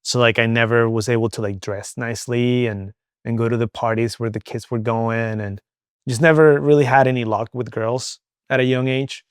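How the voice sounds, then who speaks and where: A young man from Venezuela speaks as an interview guest, open and chatty, leaning on fillers as he goes. His voice is smooth and clear, sits at an ordinary pitch, and is recorded close and dry. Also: little pitch movement, normal speed, no echo. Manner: candid, chatty, many fillers like "um" and "like". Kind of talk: casual interview talk.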